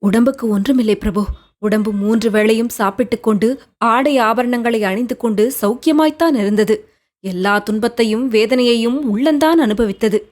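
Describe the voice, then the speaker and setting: In an audiobook, a woman reads the part of a lovelorn young woman who speaks of her sorrow in a plaintive, earnest, wistful way. Her voice is a little high and a little mellow, at a normal speed, and sounds natural.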